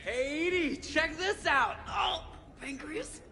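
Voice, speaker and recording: A man's voice: very high voice, slow, music in the background, full character voice. A man playing a wisecracking, grumbling pilot in a video game, casual and sarcastic. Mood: tipsy joking. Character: wisecracking, grumbling adult male ship pilot.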